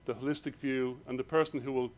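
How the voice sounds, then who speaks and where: A man with an Irish accent, giving a hurried conference presentation in a hall. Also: mid-range voice, steady tone, darkish tone. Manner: rushed, hurried delivery. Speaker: conference speaker.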